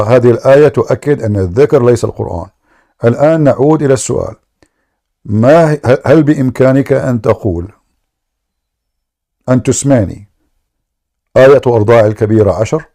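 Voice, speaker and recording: A man's voice: mid-range voice, a little fast, pauses often, mellow. A man hosting a call-in debate, pressing his questions again and again and relaying the caller's words to his audience in English and Arabic. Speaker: host of a call-in debate show. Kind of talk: combative live debate with a caller.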